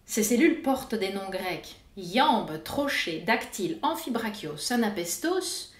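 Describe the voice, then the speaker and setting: A woman narrating an educational video as host, with a clear, didactic delivery. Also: mid-range voice, very animated, measured pace, reverberant. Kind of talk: scripted explanatory narration.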